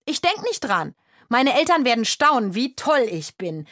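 A woman's voice: on the high side, big pitch swings, moderate pace, fairly bright tone, pitched above the performer's own voice. A woman doing a bratty young boy. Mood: gloating. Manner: bratty and boastful. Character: cheeky lazy young boy.

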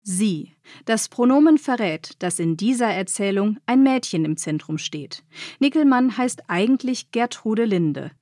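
A woman narrates a scripted radio feature in a measured, explanatory way. Her voice sits at a mid pitch and sounds dry and close, recorded in a studio booth. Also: animated, mellow, no room sound.

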